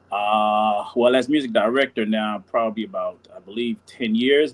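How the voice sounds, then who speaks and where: A man from Haiti, a church music director, introducing himself on a live-stream panel in a soft, hesitant way with many fillers. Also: mid-range voice, low-quality recording.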